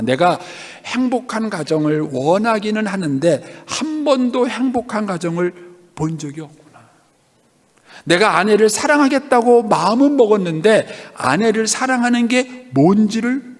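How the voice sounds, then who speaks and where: Middle-aged pastor preaching in a church, high lively voice, long hall echo. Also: male voice. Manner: animated storytelling with questions to the congregation. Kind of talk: sermon. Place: church sanctuary.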